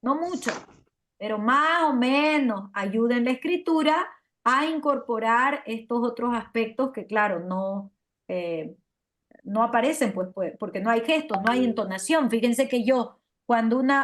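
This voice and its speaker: Woman teacher, lively delivery, voice a bit high. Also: normal speed. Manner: lively, asks "¿verdad o no?" and "¿sí?" to check understanding. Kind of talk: classroom lecture.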